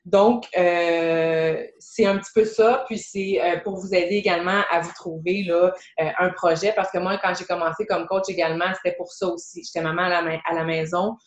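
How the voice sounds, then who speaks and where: A woman's voice: on the low side, steady tone, moderate pace, few pauses. Chatty Québécois woman coach on a roomy call. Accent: Québécois French. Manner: chatty, many filler "euh"s and restarts. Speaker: fitness coach presenting a live call. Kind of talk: casual live presentation. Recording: roomy, dull lo-fi sound.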